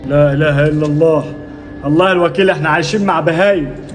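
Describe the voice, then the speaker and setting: A man playing a gentle Egyptian dad, rapid high voice. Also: lightly acted. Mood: calm. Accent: Egyptian Arabic. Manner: soft, apologetic and reassuring. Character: gentle, worried Egyptian father running errands. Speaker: father in a family skit. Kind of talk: amateur family skit acting. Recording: music playing behind.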